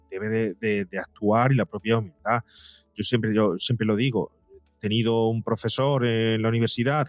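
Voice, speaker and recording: There's no echo on this medium-pitched male voice. The speaker, a middle-aged man interviewed as a psychologist, explains with earnest emphasis in a chatty way, regularly playing out pretend conversations.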